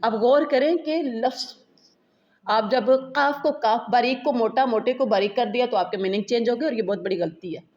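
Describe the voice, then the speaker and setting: A woman's voice: fairly high pitch, darkish tone. A woman with a Pakistani Urdu accent, a Quran recitation teacher, patiently explaining letters step by step and drawing each sound out for students to copy. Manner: repeats Arabic letters slowly for students to copy. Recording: dull lo-fi sound.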